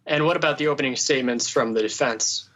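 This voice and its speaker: A man hosting a podcast and asking a reporter brisk, plain questions. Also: mid-range voice, a bit bright, a little hiss or hum. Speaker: podcast host interviewer. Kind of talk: interview questions. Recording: dull lo-fi audio.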